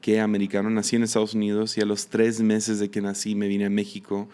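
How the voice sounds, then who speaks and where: A man in his thirties with a Mexican Spanish accent hosts a solo podcast and works as a missionary. His voice is lowish, darkish and smooth, delivered completely flat at a quick pace. He talks casually and hesitantly, full of fillers and restarts.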